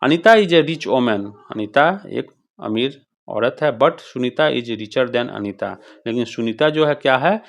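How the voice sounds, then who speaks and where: Slow-talking male teacher. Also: medium pitch, animated, creaky. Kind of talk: explaining an English grammar lesson.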